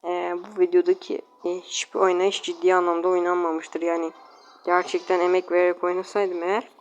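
A woman's voice: fairly low pitch, level tone, fairly quick, lo-fi sound, slight background noise. A woman casually commenting on her own mobile game matches, talking to viewers and opponents, grumbling, exasperated and self-mocking. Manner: self-mocking, jokey asides.

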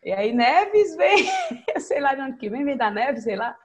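Over a noisy crowd, a Brazilian nun and singer in her thirties speaks in a high voice, a little slowly. She's from Espírito Santo, with an accent blending Minas Gerais and Bahia, and she's a podcast guest in casual conversation over a video call microphone from a plain room. Animated and quick to laugh, she keeps adding "né?" to what she says.

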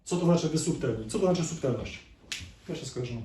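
A man's voice: fairly high pitch, expressive, fast, warm tone. A man giving a conversational live lecture to an audience as a chiropractor, often putting questions to the listeners. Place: lecture hall. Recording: echoey hall, distant mic, faint noise.

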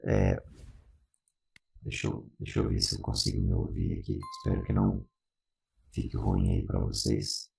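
A Brazilian man narrating a casual software tutorial through a robot voice changer that makes him sound half robot. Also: very deep voice, normal speed, creaky, slightly rough, soft background music, low-quality recording. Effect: robot voice changer, flat and buzzy.

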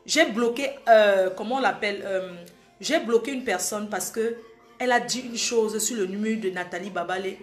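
In a reverberant space with soft music in the background, a young Cameroonian woman runs a live stream at normal speed in a mid-range voice. Her heated monologue is scolding and emphatic, with warnings to viewers repeated over and over.

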